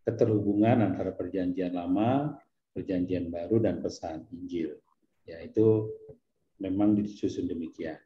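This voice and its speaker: A man, a priest, explaining things in an easygoing, teacherly way during a relaxed talk. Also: low-pitched, a little slow, reverberant, dull audio.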